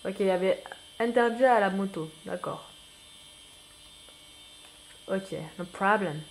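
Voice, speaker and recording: A man giving casual gameplay commentary as a new YouTuber, rambling and self-mocking, full of slang and excitable outbursts at the game. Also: sits high, takes it slowly.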